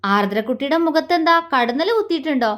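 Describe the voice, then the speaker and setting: A young male doctor with a teasing, mocking edge, put on by a woman reading a romance story. He slips into cooing baby talk and then scornful jabs, all in a high voice. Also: expressive, fairly quick, a bit bright. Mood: playful. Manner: playful baby talk turning to scornful taunts.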